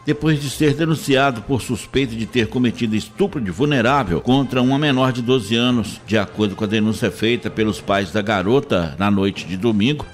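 Man reading police news, steady and formal. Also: medium pitch. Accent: Minas Gerais. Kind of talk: read police news bulletin.

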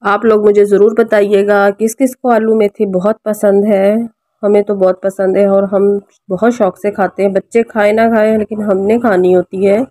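In a home kitchen and family room, a woman with a Pakistani Urdu accent narrates a relaxed cooking and family vlog as a mother, chatting freely and often asking her audience for help. Her mid-range voice is dark and level, moving at normal speed, with no room sound.

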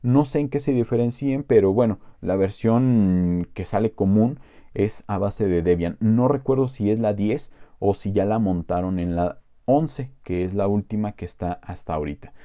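A man with a Mexican Spanish accent casually walking viewers through a software tutorial, rambling with many fillers and asides. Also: fairly low pitch, normal speed. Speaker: tech tutorial host.

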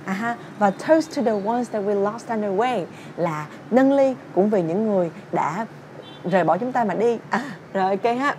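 A woman's voice: mid-range voice, expressive, normal speed, a little mellow, slight background noise. A young woman teaching English through a song, chatty and casual, singing lines and then explaining them. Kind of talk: song-based English pronunciation lesson.

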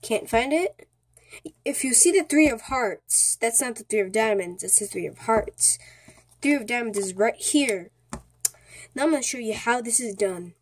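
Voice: medium pitch, expressive, moderate pace. A speaker giving a casual, step-by-step card trick tutorial in an informal, repetitive way, often checking in with the listener. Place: indoors at a small table.

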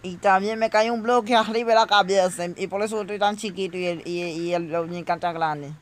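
A man's voice: sits high, fairly even intonation, fast talker. A man giving comedic gameplay commentary, talking straight to his viewers and breaking into panicked shrieks. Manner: chatty, addresses viewers directly. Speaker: gaming youtuber.

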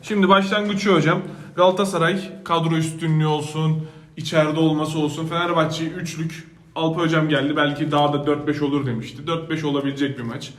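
A man's voice: fairly high pitch, fairly even intonation, fast, a bit bright. A man moderating a football panel, teasing and playful as he hands out the floor. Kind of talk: casual panel chat. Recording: roomy studio sound.

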